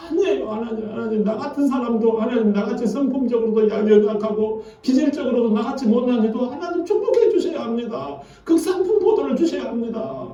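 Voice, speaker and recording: Pastor doing a begging patriarch, pleading, raised higher voice, echoey hall from a distance. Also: male voice, expressive, a little fast, hardly any pauses, dark tone, dull audio. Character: desperate pleading male patriarch begging God. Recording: echoey church from far off.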